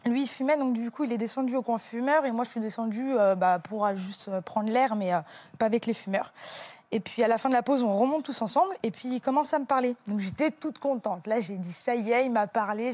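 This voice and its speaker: A young woman guest on a TV talk show, telling a personal story with lively acted-out quotes. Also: fairly high pitch, no room sound.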